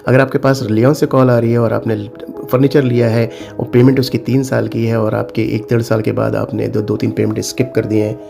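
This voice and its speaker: A middle-aged cyber security consultant from Pakistan hosts an advice video, talking informally over background music in a creaky, medium-pitched voice. He speaks a little fast with flat delivery and hardly any pauses, emphatically repeating warnings and mixing in English phrases in his Pakistani accent.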